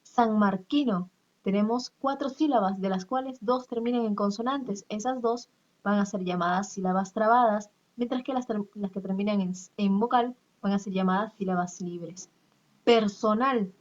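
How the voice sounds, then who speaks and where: A woman's voice: mid-range voice, normal speed. Lady teacher going thru a lesson, patient, keeps asking "sí?", muffled lo-fi recording. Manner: patient, explains step by step, checks with "¿sí?".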